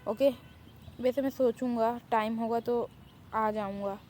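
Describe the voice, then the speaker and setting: A woman's voice: fairly high pitch, steady tone, measured pace, warm tone, a little hiss or hum, close to an everyday voice. A woman voicing a stern, grumpy young man who scolds and speaks curtly. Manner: curt, scolding.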